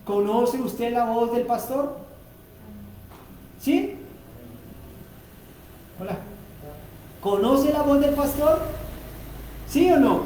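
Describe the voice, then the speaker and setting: A woman's voice: on the high side, lively intonation, extremely slow, pauses often, mellow. Woman preaching in an echoey church. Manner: addresses congregation directly with questions. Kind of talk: sermon. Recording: very echoey church hall with faint noise.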